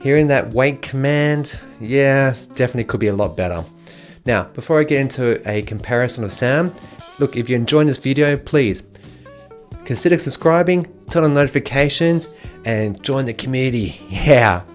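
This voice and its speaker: A man's voice: medium pitch, moderate pace. A man narrating a casual product review as a video host. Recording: music playing behind the voice.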